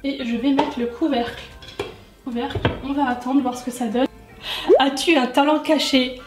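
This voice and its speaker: A young woman with a high, bright-toned voice chats casually through viewer questions while cooking in her home kitchen. She is self-mocking and loose, full of fillers. The sound bounces around the room, picked up by a camera mic a little way off. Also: steady tone, moderate pace, roomy sound, over music. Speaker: lifestyle YouTuber.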